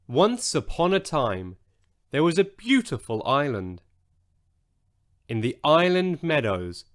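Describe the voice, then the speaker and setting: An audiobook narrator, a man with a mid-range voice, reads a children's bedtime story in a measured, expressive storytelling style.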